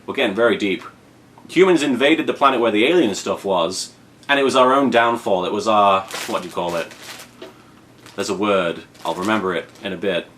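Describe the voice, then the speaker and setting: A fairly low, slightly bright voice moving a little fast belongs to a British man in his thirties hosting a casual unboxing vlog at home. In his apartment, with clear room noise behind him, he rambles playfully and mock-seriously, repeating for emphasis.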